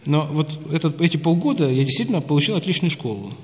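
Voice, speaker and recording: A man's voice: fairly high pitch, expressive, fast. A man in his fifties from Russia, an Orthodox priest, telling long anecdotes in an interview with many hesitant filler sounds. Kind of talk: interview storytelling. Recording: long hall reverb.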